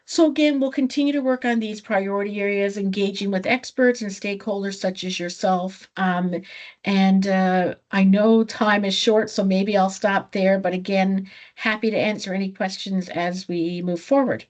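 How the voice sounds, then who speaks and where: A woman's voice: mid-range voice, fairly even intonation, moderate pace, a little mellow. A woman with a Newfoundland accent giving a formal conference presentation.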